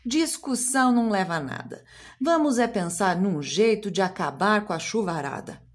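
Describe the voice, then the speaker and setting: A woman's voice: mid-range voice, expressive, normal speed, lightly acted. A woman voicing a bossy father making proclamations in a read-aloud children's story. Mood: proclaiming. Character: bossy father with big ideas.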